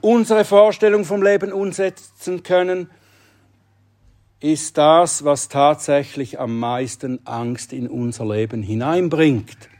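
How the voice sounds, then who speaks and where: A male preacher with a fairly high voice delivers a sermon at an unhurried, deliberate pace. He speaks earnestly and with emphasis, sinking to a near hush on key words.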